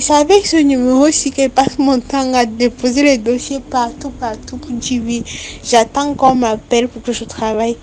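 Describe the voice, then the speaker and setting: A young woman recounting a personal experience in a halting, repetitive, earnest way. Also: on the high side, darkish tone, slight background noise. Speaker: storyteller sharing a personal account. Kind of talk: spoken personal testimony.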